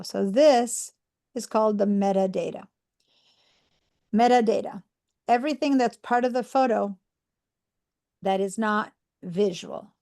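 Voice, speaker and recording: In a creaky, mellow mid-range voice, a woman from Argentina teaches a computer class through a live online demonstration. She patiently talks students through each step, using fillers as she explains and checking in with them.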